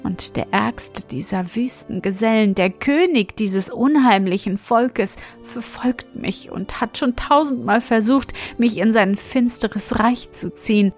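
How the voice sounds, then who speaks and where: Storybook butterfly fairy, delicate and hushed, slow and lilting; woman reader doing the voice. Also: fairly high pitch, faint music behind. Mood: wistful. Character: delicate female butterfly fairy, gentle and wistful.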